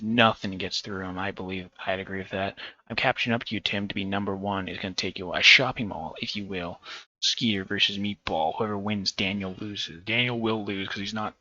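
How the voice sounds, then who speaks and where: A man's voice: fairly low pitch, pushed and bright, dull audio. A man casually talking while streaming a horror game, rambling, swearing and joking to himself. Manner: rambling, profane, jokey asides. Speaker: gaming streamer. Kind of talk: casual let's-play commentary. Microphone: phone stream setup.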